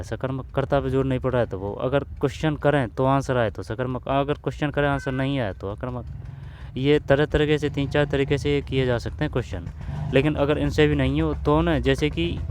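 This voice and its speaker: A man's voice: medium pitch, darkish tone, slight background noise. A man coaching viewers through old exam grammar questions in a casual lesson. He thinks aloud, repeats phrases to himself, and often checks whether the listener has understood. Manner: addresses viewers as bhai, asks if they understood.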